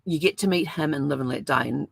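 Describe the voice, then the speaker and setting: Woman host, deep with some vocal fry, rambling casual storyteller. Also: fast, dry recording. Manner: rambling, chatty storytelling with many fillers. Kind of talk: casual chat.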